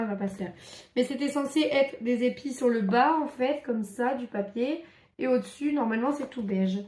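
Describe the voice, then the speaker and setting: A woman's voice: a little high, a little mellow. A woman casually showing craft papers to camera, chatty and enthusiastic, with many fillers. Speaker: crafts vlogger. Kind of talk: casual show-and-tell. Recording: echoey room.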